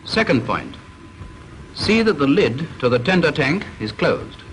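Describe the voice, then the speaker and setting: A British-accented man gives formal scripted narration for a training film, measured, instructive and stern. His voice is a little high, sing-song and a bit bright, on a vintage, low-quality soundtrack with faint hiss.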